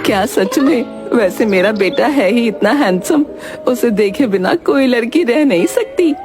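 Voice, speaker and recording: A woman voicing a teasing, sharp-tongued middle-aged mother-in-law in a cartoon, speaking in a mocking tone over background music. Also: on the high side, expressive, a little slow. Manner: mocking, jeering.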